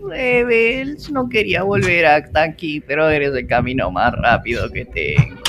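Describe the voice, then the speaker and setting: Male gamer, high-ish voice, slow delivery, nervous swearing commentary. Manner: excitable, swears often, nervous outbursts. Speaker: gameplay streamer. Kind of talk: casual game commentary.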